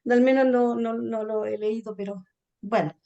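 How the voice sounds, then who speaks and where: A woman's voice: fairly high pitch, steady tone, moderate pace, vocal fry, mellow, muffled recording. Chilean woman teaching a poetry class. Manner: checks in often with "¿ya?" and "¿cierto?". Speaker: literature teacher leading a sonnet workshop. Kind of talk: online class explanation.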